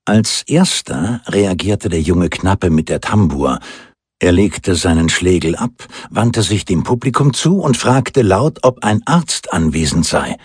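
A man narrates an audiobook in a measured storytelling manner. His low voice is husky. The recording is dry and close. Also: animated, no echo. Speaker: audiobook reader.

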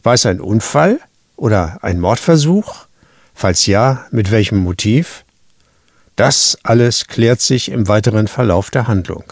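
A male radio book reviewer presents a scripted review in a clear, explanatory way. His voice sits low. The sound is dry and close, like a studio. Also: expressive, measured pace, no room sound.

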